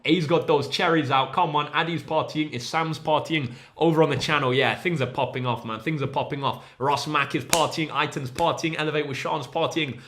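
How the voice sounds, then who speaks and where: A man's voice: on the high side, steady tone, a little fast, few pauses, a bit bright. Upbeat man hosting a maths livestream. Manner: upbeat, hypes up viewers, reads chat names aloud. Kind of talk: casual livestream teaching.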